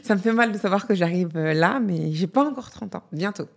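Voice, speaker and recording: A woman in her twenties from France, a podcast guest telling her story in a lively, laughing way. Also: mid-range voice, a little fast, vocal fry. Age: 20s. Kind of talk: casual interview chat.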